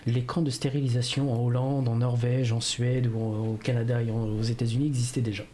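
Male radio columnist, explanatory, filler-heavy, mid pitch, slight noise. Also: little pitch movement, fairly quick, dark tone. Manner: explanatory, many "en fait" fillers. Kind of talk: radio talk segment.

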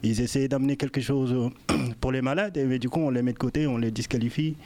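A man's voice: mid-range voice, steady tone, fast talker, a little mellow, slight background noise. A man hosting a radio show, casual and losing his voice. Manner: casual, short acknowledgments. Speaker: radio host.

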